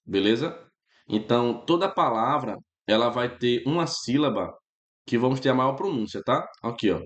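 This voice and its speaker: A man with a Brazilian Portuguese accent gives a relaxed, casual grammar lesson and keeps checking in with his students. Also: medium pitch, roomy sound. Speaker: teacher.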